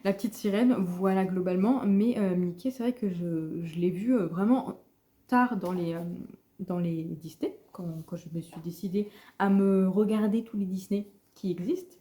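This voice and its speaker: A woman's voice: mid-range voice, moderate pace, dark tone. A woman chatting casually in a vlog about her reading plans, with many fillers and restarts. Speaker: book vlogger.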